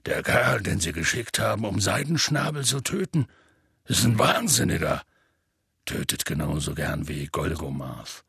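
Huge gruff half-giant, super deep and crackly, husky, bright edge, rough folksy talk, dry sound. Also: male voice, animated, unhurried, dry recording, exaggerated voice. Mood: gruff storytelling. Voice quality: deep and gravelly. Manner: rough, folksy storytelling with curses. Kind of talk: audiobook character voice.

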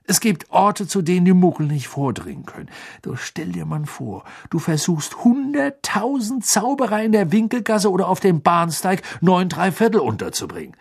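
Brief: man playing kindly wizard dad from a storybook, patient, slightly husky. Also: high-pitched, sing-song, normal speed, voice pushed up, exaggerated voice. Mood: explaining. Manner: patient, explaining, sighing. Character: kindly middle-aged wizard father, patient explainer. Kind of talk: audiobook reading.

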